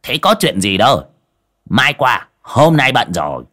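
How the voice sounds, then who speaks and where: A man's voice: mid-range voice, big pitch swings, measured pace, sharp tone, voice pushed up, exaggerated voice. A man doing a bossy chattering old medium. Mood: brusque, hurried. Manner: chattering, brusque. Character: bossy chattering older male spirit medium.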